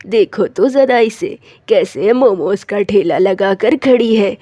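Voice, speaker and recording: A whiny, scheming mother-in-law from a cartoon, played by a woman. The voice is mid-pitched and mellow, and she grumbles. The recording is dry. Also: slow pace, dry recording. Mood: complaining.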